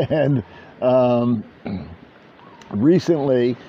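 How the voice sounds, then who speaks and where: Here an older vlogger draws out his words in a medium-pitched voice while chatting to camera at a beach resort. He rambles and is self-deprecating. The handheld camera's outdoor audio is dull and lo-fi, and the background is noisy.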